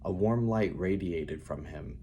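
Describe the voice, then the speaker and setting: A man speaking softly and calmly as he reads his own fantasy writing aloud in a quiet narrating style. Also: deep voice, measured pace, a little hiss or hum. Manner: quiet, calm, soft-spoken reading. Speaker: writer reading own novel aloud.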